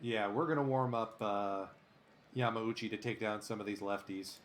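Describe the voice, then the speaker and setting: A man's voice: on the low side, normal speed, a little hiss or hum. A man streaming a baseball video game, calling each play like a sportscaster and chatting with his viewers between plays. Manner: animated sportscaster-style calls. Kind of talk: play-by-play commentary while gaming.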